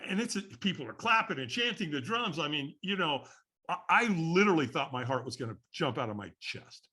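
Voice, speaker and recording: Husky, lively man telling a story. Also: a little high, a little fast. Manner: lively storyteller, acts out quoted voices, laughs often. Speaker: guest, firewalking instructor. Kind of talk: animated storytelling in a podcast interview.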